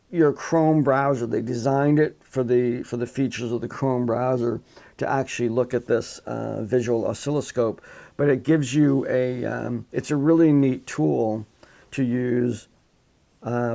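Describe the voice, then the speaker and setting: A male psychology instructor lecturing live over his computer mic. His voice is mellow and dark, with a gravelly edge, and he rambles casually, doubling back on his words as he explains. The delivery is loose and conversational. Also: medium pitch. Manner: casual, rambling with restarts, demonstrates sounds with his voice. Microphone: computer microphone.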